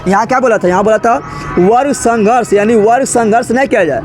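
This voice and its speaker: A man's voice: sits high, fairly quick, a little mellow, faint music behind. A male teacher gives a colloquial, joking history lesson, asking rhetorical questions and repeating key terms. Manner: colloquial and joking, slips into regional dialect. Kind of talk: animated classroom lecture.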